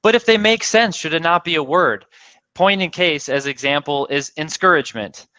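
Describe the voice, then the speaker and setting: A man's voice: fairly high pitch, normal speed, sharp tone, dry recording. A man hosting a casual video interview, enthusiastic and rambling with lots of fillers. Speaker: interview host.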